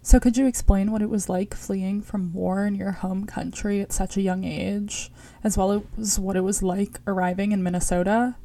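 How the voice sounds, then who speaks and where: A woman producer introducing a segment and asking interview questions in a scripted, measured way. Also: medium pitch, steady tone, warm tone.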